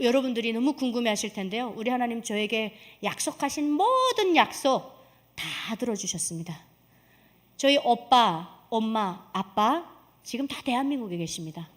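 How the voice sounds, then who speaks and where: A woman gives her testimony at a church service. She speaks with a fairly high voice that swings widely in pitch. She keeps asking the congregation questions and pressing her points home with emphasis. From North Korea. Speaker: guest giving a testimony in church.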